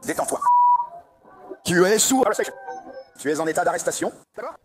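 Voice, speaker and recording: A man's voice: high voice, expressive, fast. A male police officer giving stern commands during an arrest at an airport. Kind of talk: dubbed bodycam footage. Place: airport security area. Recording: clear background noise and clicks.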